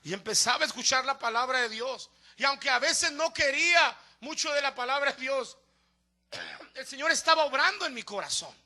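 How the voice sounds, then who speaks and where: A pastor delivers a sermon in a very high voice. His tone is sharp and forceful. He tells stories, acts out the people he quotes and builds to emphatic, near-shouted appeals. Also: lively intonation, normal speed.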